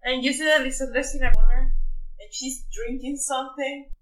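A woman narrating moves in a tabletop game, casual and a little halting. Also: high voice, fairly even intonation, pushed and bright, echoey room, far from the mic, a little hiss or hum, poor audio. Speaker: player.

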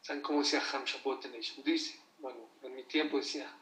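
A man giving a motivational religious class over a video call, lively and talking straight to his listeners. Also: medium pitch, quick pace. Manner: lively, addresses listeners directly, acts out quoted voices. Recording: roomy sound from a distance.

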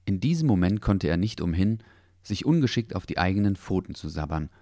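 Calm, low-voiced male storyteller. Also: brisk, dry recording, studio quality. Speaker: narrator. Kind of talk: storybook narration.

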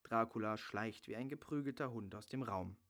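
A man reading a screenplay's stage directions aloud in a calm, low voice. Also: moderate pace. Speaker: narrator.

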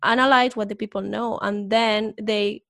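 A woman's voice: mid-range voice, steady tone, normal speed, creaky, a bit bright, dry recording, clean studio sound. A woman co-hosting a science podcast, explaining research in detail in a casual chat. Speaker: podcast co-host.

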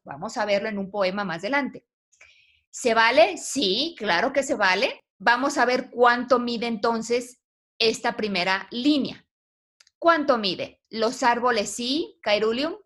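A woman's voice: on the high side, expressive, measured pace, fairly bright tone. A woman teaching a poetry class online, patiently quizzing her students. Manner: patient, asks the class questions.

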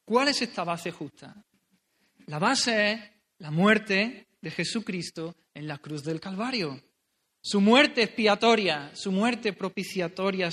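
A man's voice: sits high, fairly bright tone. A man preaching an earnest, pleading sermon, repeating phrases for emphasis.

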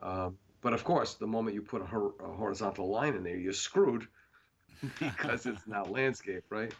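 Husky low-voiced man, rambling. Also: normal speed, lo-fi sound. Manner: rambling, full of fillers and restarts. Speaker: painter being interviewed. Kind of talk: casual interview chat.

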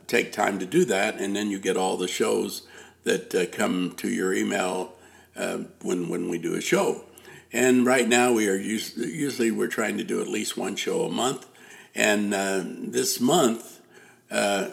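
An older man hosts a casual interview podcast in a deep, heavily gravelly voice. He rambles, trailing off into fillers and restarting his sentences. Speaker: podcast host.

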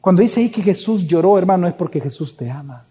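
A man's voice: high-pitched, animated, fast, warm tone, slightly rough, in a large hall. A man preaching a sermon as pastor, addressing the congregation with rhetorical questions.

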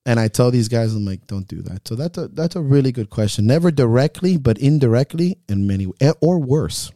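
A man's voice: mid-range voice, lively intonation, fairly quick, mellow, dry recording, studio quality. A man hosting a podcast as a coach, talking in a frank, reflective way and swearing freely. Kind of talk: casual podcast chat.

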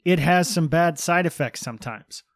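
A man's voice: fairly high pitch, normal speed, no echo, clean studio sound. A man co-hosting a podcast in casual, joking talk, explaining things with mock-serious sarcasm. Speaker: podcast co-host.

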